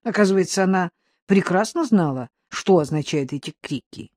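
Lively, expressive audiobook narrator. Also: medium pitch, moderate pace, no echo, studio quality.

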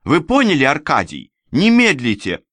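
A man voicing a commanding, impatient young woman agent who barks brisk orders. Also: mid-range voice, animated, pushed and bright, dry recording, studio quality.

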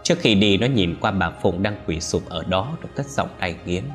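A man giving steady, scripted narration of a ghost story. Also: low-pitched, normal speed, soft background music.

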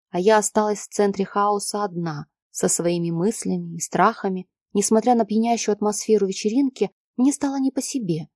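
Mellow-voiced woman reading an audiobook. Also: mid-range voice, no room sound, studio quality. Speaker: audiobook narrator. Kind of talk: first-person scripted narration.

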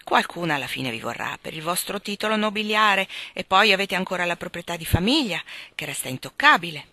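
A woman reading aloud, voicing a worldly young gentleman who consoles a friend in a breezy, mocking way. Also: lowish voice, sing-song, fairly quick, no room sound, exaggerated voice. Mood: flippant.

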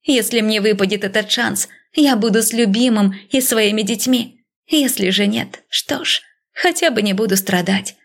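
A woman's voice: medium pitch, normal speed, creaky. A woman voicing a young queen who pleads urgently and with determination. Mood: resolute.

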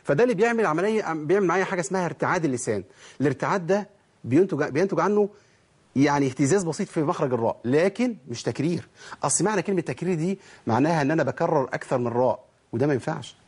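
Egyptian guy teaching tajweed really fast, kinda husky, keeps asking the class questions. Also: a little high, expressive, a little mellow. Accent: Egyptian Arabic. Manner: quizzing listeners with rhetorical questions. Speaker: Quran recitation teacher. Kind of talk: tajweed lesson.

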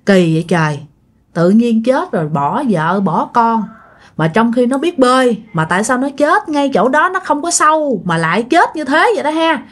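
A woman's voice: on the high side, very animated, moderate pace. A woman with a Southern Vietnamese accent telling a ghost story casually, talking straight to her listeners with plenty of fillers. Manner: chatty, addresses listeners, many fillers.

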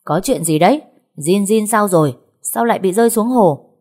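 A commanding old patriarch demanding answers in an audiobook story, as a woman narrator puts him on. The voice is warm and husky, raised and sharp in its questions. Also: medium pitch, animated, normal speed, pitched above the performer's own voice, close to an everyday voice. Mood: alarmed. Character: stern wealthy old grandfather, head of family.

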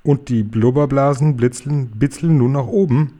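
A man's voice: mid-range voice, normal speed, warm tone, pitched above the performer's own voice, lightly acted. A man voicing a big friendly male giant who boasts and mangles his words, drawn out and exclaiming in a raised voice. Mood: lecturing.

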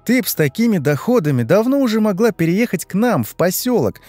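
A man's voice: high voice, big pitch swings, a little mellow, dry recording, faint music behind, voice pushed up. A man voicing a chatty, gushing, gossipy young woman who talks in a fawning chirp. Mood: chattering. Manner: chirping, fast-flowing, fawning.

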